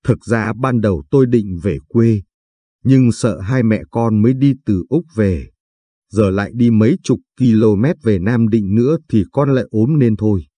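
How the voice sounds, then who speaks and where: Steady male storyteller, husky and mellow tone, calm reading delivery. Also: lowish voice, measured pace, no room sound. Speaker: audiobook narrator. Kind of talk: scripted story narration.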